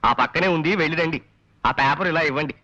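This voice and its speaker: A man's voice: fairly high pitch, fairly quick, sharp tone, muffled recording. A grumpy half-deaf old man. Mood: grumbling. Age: older. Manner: gruff, scolding, answers wrong questions. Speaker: hard-of-hearing householder.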